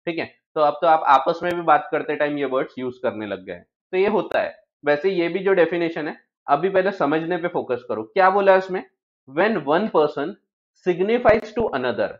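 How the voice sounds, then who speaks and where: A man gives an exam-prep law lecture with a fairly high voice. He reads English legal text slowly and then explains it in Hindi, asking the class questions and answering them himself. The recording sounds dull and lo-fi. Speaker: law teacher.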